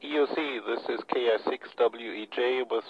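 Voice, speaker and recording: A man's voice: medium pitch, steady tone, moderate pace. A man relaying message traffic over two-way radio with static, in formal procedure and clipped phrases, reading numbers digit by digit. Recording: muffled, noisy radio with static.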